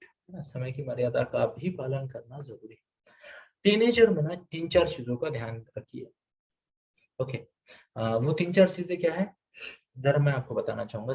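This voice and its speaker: A man's voice: mid-range voice, darkish tone. A man giving a live parenting seminar to an audience, often checking in with rhetorical questions and asking for shows of hands. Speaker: parenting coach. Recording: distant, dull lo-fi recording.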